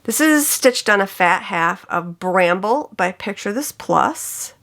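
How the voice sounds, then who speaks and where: A woman chats through her stitching projects at an unhurried pace, with a gravelly edge in her voice. She gushes over patterns and colors like a devoted crafter sharing with friends. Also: mid-range voice, lively intonation, a bit bright. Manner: enthusiastic, gushing over colors. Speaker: cross-stitch vlogger. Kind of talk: casual show-and-tell chat.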